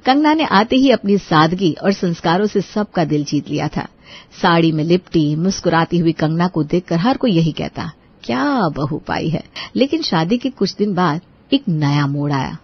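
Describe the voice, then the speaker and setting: Woman storybook narrator, low husky voice, muffled recording. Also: lively intonation, normal speed.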